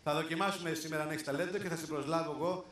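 On a big theater stage, a male comedian calls up volunteers from the audience and ribs them in fun, laughing frequently. His voice is fairly high with a steady tone, and the live recording echoes with crowd noise.

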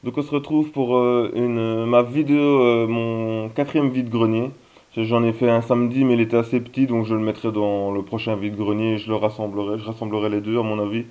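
A man's voice: mid-range voice, level tone, fairly quick, dull audio. A man chatting casually in a vlog about his video game finds, talking hesitantly with many fillers. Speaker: video game collector vlogger.

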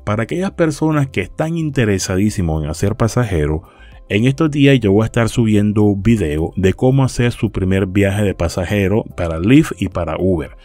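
Over soft background music, a South Florida vlogger with a low, dark voice talks animatedly and a little fast, giving rideshare and delivery tips over stock footage. He's chatty and friendly, calls his viewers friends, and frequently restarts phrases.

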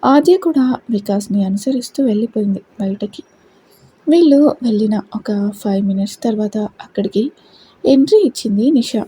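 A woman narrating a romance story aloud as the channel's regular reader, in a gentle, even storytelling manner. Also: a little high, normal speed, breathy edge, low-quality recording.

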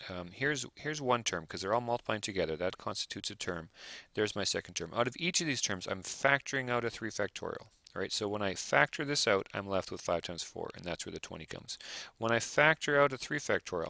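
A male math teacher working through examples aloud, thinking out loud and checking in with rhetorical questions. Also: sits low, vocal fry, dry recording. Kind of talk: recorded lecture over worked examples.

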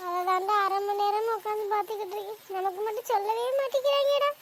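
A woman doing a whiny high-pitched cartoon girl. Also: fairly even intonation, fast. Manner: whiny, pleading, sulky. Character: whiny teenage college girl.

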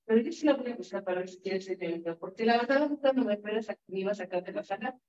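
A woman's voice: mid-range voice, fast, darkish tone, slight background noise. Chatty Mexican woman giving a workshop lecture. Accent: Mexican Spanish. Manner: chatty, tags questions with "¿no?", digresses into stories. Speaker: workshop instructor and lawyer. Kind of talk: informal lecture with anecdotes. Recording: dull lo-fi recording.

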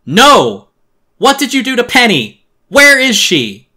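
A man's voice: very high voice, huge pitch swings, slow pace, bright, forceful tone, pitched above the performer's own voice, exaggerated voice. A man voicing a terrified, furious eight-year-old boy who screams frantic accusations in a dramatic reading of a horror story. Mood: screaming.

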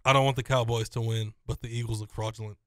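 A man's voice: mid-range voice, flat delivery, quick pace, a bit bright, dry recording. A man co-hosting a casual sports podcast in a small studio, ribbing his partner playfully and dramatically. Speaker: co-host. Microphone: studio mic on boom arm, headphones.

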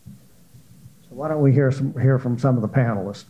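An older man moderates a panel in a large conference hall, talking into a handheld mic. His tone is mellow and relaxed, and he chats along loosely with plenty of "uh"s. The recording sounds a little dull. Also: medium pitch, moderate pace. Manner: conversational, asks questions with frequent fillers.

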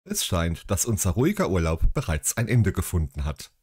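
A man voicing a calm, composed detective in a read-aloud story, speaking in a measured way. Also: low voice, slightly rough, heavily acted.

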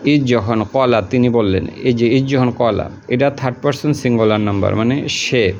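A man's voice: mid-range voice, normal speed, darkish tone, slight background noise. A patient male teacher, lo-fi recording. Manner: repeats each word and its meaning patiently, colloquial. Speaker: Quran translation teacher. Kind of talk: word-by-word translation lesson.

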